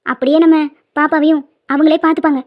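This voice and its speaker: A woman's voice: sits high, fairly even intonation. A woman voicing a strict well-off mother who scolds her daughter in a cartoon. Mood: stern. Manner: scolding, brisk, stern. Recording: dull lo-fi sound.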